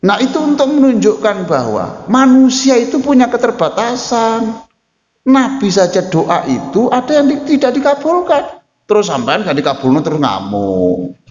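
Lively East Javanese preacher in a hall. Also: male voice, high-pitched, normal speed. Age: older. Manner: animated, joking, switches into Javanese, addresses listeners as Pak and Bu. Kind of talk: lively sermon Q&A with audience. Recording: echoey hall, dull lo-fi sound.

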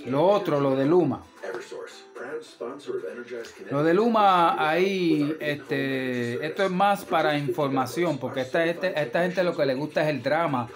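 A man's voice: a little high, unhurried, over music. A man ranting off the cuff, heated and profane, repeating himself. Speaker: vlogger. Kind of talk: off-the-cuff rant.

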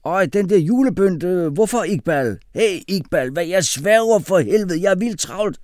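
Brash young slang-talker, high and loud; male reader puts him on. Dry booth sound. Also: expressive, no room sound. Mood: evasive. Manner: loud, slangy, rapid boasting.

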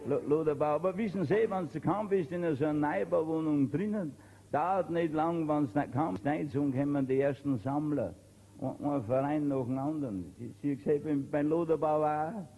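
A man's voice: fairly high pitch, normal speed, dark tone, breathy edge, rough recording. A man with an Upper Austrian accent telling dialect jokes in a stand-up monologue, stammering on words and acting out quoted exchanges. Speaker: comedian. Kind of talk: stand-up folk comedy monologue.

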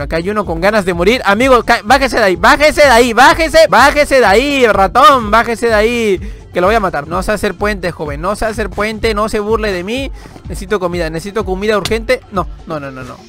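High, bright-voiced young gamer. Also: male voice. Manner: playful, hyped, jokey banter at players. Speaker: gaming channel host. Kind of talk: energetic gameplay commentary.

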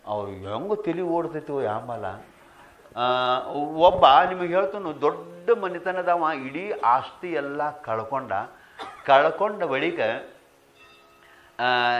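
Slow-paced preacher. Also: male voice, a little high, slight background noise. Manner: rising to loud exhortation, then dropping to quiet narration. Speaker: religious preacher. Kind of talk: storytelling sermon. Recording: dull lo-fi recording.

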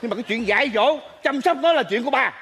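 A man's voice: very high-pitched, expressive, quick pace, a bit bright. A man playing an indignant father in a live stage comedy sketch, firing back short questions. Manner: indignant, blustering, repeats questions. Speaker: comic actor playing a father. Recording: live stage with audience noise.

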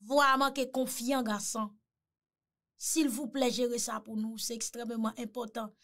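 A woman's voice: a little high, flat delivery, a little slow, fairly bright tone. A Haitian woman giving a mocking, teasing commentary, slipping in French phrases. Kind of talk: animated commentary.

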